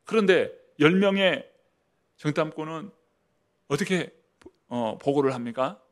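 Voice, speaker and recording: A middle-aged man preaching a Sunday sermon in a church sanctuary, his voice pitched a touch higher than most men. He swings between loud, emphatic declarations and quiet, hushed asides. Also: lively intonation, unhurried. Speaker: pastor.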